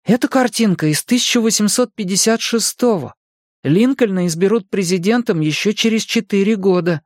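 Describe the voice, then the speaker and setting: A man's voice: high-pitched, moderate pace, no room sound, clean studio sound, voice pushed up, natural voice. A man voicing Mike, an earnest boy eagerly explaining old pictures.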